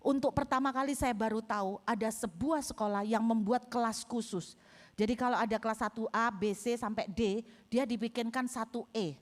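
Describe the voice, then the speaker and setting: Woman pastor, javanese-tinged accent, animated sermon story, acts out voices, long hall reverb. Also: fairly high pitch. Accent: Javanese-tinged Indonesian. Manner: animated, acts out quotes with bursts of raised voice.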